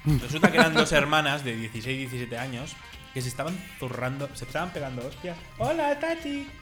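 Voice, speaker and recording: A man's voice: mid-range voice, quick pace. Male co-host, easygoing storyteller, laughs a lot, music bed underneath. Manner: chatty storyteller, laughs often. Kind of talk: casual banter among friends. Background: music playing.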